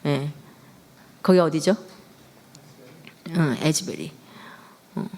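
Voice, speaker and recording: A woman's voice: low voice, big pitch swings, slow, dark tone. A middle-aged woman preaching a sermon in a conversational, storytelling way. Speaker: pastor's wife preaching.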